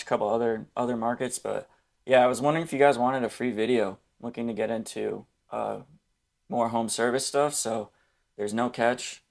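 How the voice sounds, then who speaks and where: A young man with a dry throat, making casual, friendly cold calls to pitch his videography business, a little hesitant. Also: creaky. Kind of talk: casual phone sales calls and commentary.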